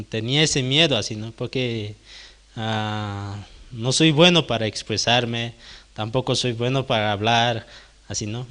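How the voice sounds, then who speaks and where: A man's voice: medium pitch, a bit bright, clear, resonant tone. A young man giving a personal testimony at a prayer service, hesitant and tagging nearly every phrase with a question. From Bolivia. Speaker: church member giving testimony.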